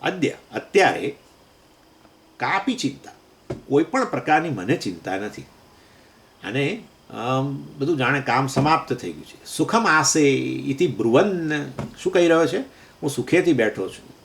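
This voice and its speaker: A man's voice: mid-range voice, very animated, a little hiss or hum. A man teaching a scripture lecture, explaining verses with everyday examples and asking and answering his own questions. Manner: chants Sanskrit verses slowly. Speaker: Vedanta teacher.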